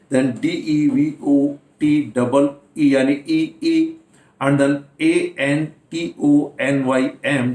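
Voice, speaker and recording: Guy teaching english pronunciation in hindi, spells stuff out letter by letter, mid pitch, kinda echoey room. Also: darkish tone. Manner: explanatory, spells words out letter by letter; mixes English words into Hindi speech. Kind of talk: classroom-style video lesson.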